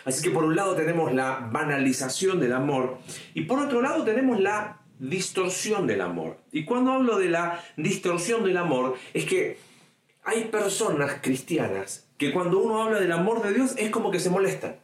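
A man's voice: very animated, normal speed. Conversational male preacher, echoey room. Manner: conversational, asks the audience questions; acts out quoted voices with a raised pitch. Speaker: youth preacher. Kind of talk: online sermon to young people.

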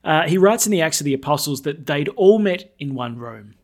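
A man speaking as a priest, giving scripture readings and a sermon in a measured, solemn, declamatory way. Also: fairly high pitch, animated.

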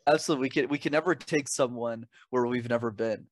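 Recorded with no room sound, this mid-range male voice moves quickly. The speaker is a young adult from Canada, a communication coach on as an interview guest, sharing advice and personal stories in an emphatic, articulate way peppered with rhetorical questions.

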